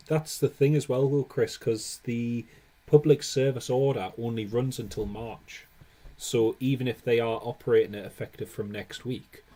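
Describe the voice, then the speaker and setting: A man's voice: lowish voice, warm tone. A man hosting a live stream with casual, chatty commentary.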